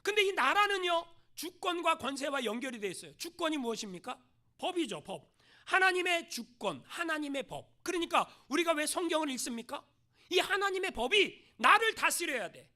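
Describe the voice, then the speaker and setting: High, lively-voiced male pastor preaching. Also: moderate pace. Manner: rhetorical questions, emphatic preaching. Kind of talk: sermon.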